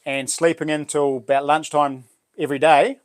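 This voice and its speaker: Casting: male livestream host, broad Kiwi accent, fairly high voice, laid-back slangy chat. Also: little pitch movement, moderate pace. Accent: broad New Zealand. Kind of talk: casual livestream chat with viewers.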